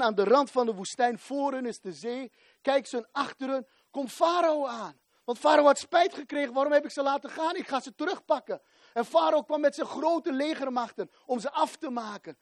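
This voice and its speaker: A man in his forties preaching a fervent sermon, rising to shouts at the climaxes. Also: very high voice, no room sound, studio quality.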